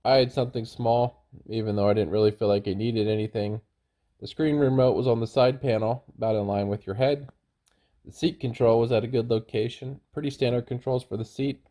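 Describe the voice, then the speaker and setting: Very mellow-voiced man narrating a trip review. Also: medium pitch, steady tone, brisk. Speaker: travel vlogger.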